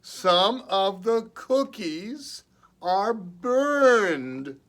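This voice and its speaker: A male children's librarian reads aloud expressively, very unhurried, his pitch swinging lively. He drops in playful asides along the way.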